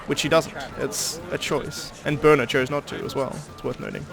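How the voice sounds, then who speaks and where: A man giving casual, slightly halting let's-play commentary, explaining the game as he plays. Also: medium pitch, steady tone, creaky. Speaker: gaming channel host. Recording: commentary over game music.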